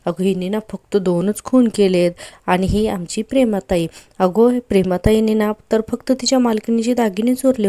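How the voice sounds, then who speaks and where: A woman's voice: medium pitch, mellow, no echo, clean studio sound, close to an everyday voice. A woman voicing a scheming, taunting woman prisoner from a TV serial, in mocking, sing-song tones.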